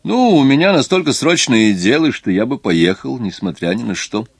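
A man's voice: medium pitch, sing-song, moderate pace, husky, dry recording, pitched above the performer's own voice. A man reading an audiobook, voicing an urgent, businesslike architect traveling by coach. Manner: urgent, decisive. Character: hurried, practical architect, middle-aged man.

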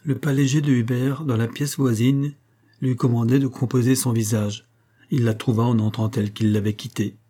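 A man reading a classic novel aloud in a measured, even storytelling manner. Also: mid-range voice. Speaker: audiobook narrator. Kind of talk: scripted narration of a classic novel.

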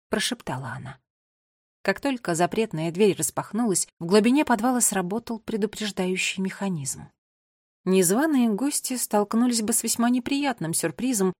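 A woman reading an audiobook in a measured, expressive storybook narration. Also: mid-range voice, dry recording, clean studio sound.

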